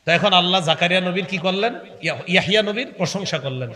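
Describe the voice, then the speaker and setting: A young man preaching an Islamic waz sermon, switching between animated explanation and slow chanted Quran recitation. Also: sits high. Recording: long hall reverb.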